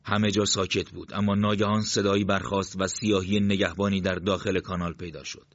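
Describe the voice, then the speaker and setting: A man with a fairly low voice reads a story in a steady, measured narration. The recording is dull and lo-fi, with a dry, close sound. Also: dry recording. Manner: steady, measured literary reading. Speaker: audiobook narrator. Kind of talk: scripted narration.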